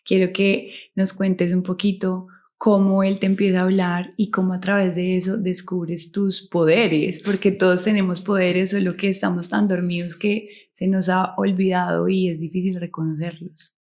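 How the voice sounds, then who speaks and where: A woman hosting a podcast, calmly asking her guest questions. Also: fairly low pitch, normal speed, few pauses. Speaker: podcast host. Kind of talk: interview questions.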